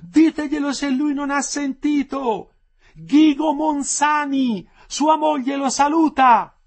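A man voicing a desperate working-class wife who shouts up to prisoners behind bars, in a strained, high, drawn-out call. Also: fairly even intonation, heavily acted. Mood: pleading.

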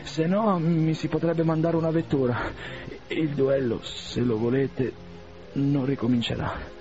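A man's voice: on the high side, fairly even intonation, a little slow, a little mellow, soft background music, voice pushed up. A man voicing a proud, wounded older aristocrat in a duel, with stiff, formal speech, on a muffled lo-fi recording. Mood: strained.

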